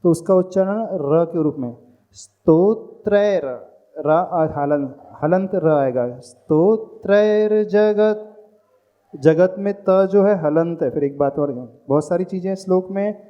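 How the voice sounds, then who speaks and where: A man's voice: a little high, measured pace, muffled recording. A man, a monk, teaching how to recite a Sanskrit hymn, patiently breaking words into syllables and chanting the lines. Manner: patient, drills pronunciation syllable by syllable. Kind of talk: slow recitation lesson with chanted verses.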